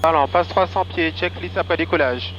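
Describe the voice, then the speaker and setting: A male pilot talks through checklists and calls in a cockpit. His voice is a bit high, and the audio is dull with a light layer of engine noise. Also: fairly quick, fairly bright tone. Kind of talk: calling out flight checklists and radio calls. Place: small aircraft cockpit in flight.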